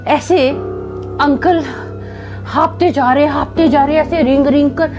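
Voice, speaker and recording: A woman's voice: sits high, steady tone, measured pace, over music. A woman animatedly retelling a family ghost story, acting out the scenes as she goes. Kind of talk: spoken ghost story in Hindi.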